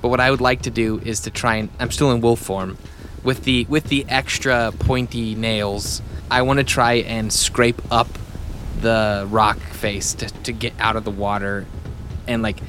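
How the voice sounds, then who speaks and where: A man playing a tabletop role-playing game, working out his moves in casual, halting talk. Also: lowish voice, a bit bright, a little hiss or hum. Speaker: player.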